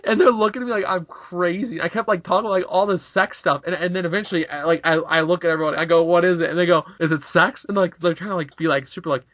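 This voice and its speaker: Bright-voiced young man rambling with fillers. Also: high voice, fast talker, hardly any pauses, no room sound. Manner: rambling, filler-heavy with frequent "like". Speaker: podcast co-host. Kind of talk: casual storytelling chat. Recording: dry, dull lo-fi sound.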